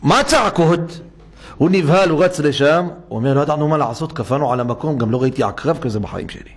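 Husky-voiced rabbi telling a story. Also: male voice, fairly high pitch. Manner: animated storytelling, acting out the characters' voices. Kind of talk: sermon storytelling. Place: synagogue.

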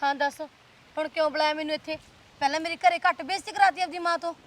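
A woman's voice: sits high, steady tone, natural voice. A woman playing a sulky young Punjabi girlfriend. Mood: angry. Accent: Punjabi (Malwa). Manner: sharp, quick, demanding. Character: sulky young woman scolding her boyfriend. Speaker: actor in a short film.

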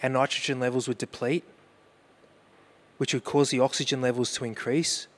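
A man's voice: mid-range voice, flat delivery, normal speed. Earnest male pastor preaching. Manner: earnest, asks the congregation questions; personal storytelling about grief. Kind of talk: sermon.

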